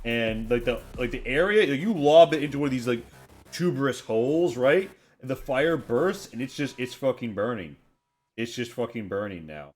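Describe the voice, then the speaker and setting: A man's voice: mid-range voice, animated, normal speed. A man narrating a tabletop game as game master, casual and informal. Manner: profane, informal. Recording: music behind the voice.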